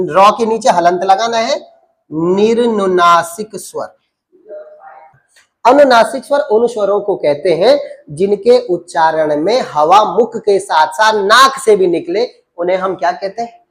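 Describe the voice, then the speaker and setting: Male teacher lecturing with repeated questions. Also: sits high. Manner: repeats questions and answers them himself, coaxing. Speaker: Hindi grammar teacher. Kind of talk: classroom lecture with call-and-response. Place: classroom with students.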